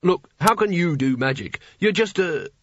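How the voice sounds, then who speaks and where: A man's voice: high voice, animated, normal speed, lo-fi sound, pitched above the performer's own voice. A man voicing a cowardly adult male wizard who whines and pleads. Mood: exasperated. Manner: whiny, pleading.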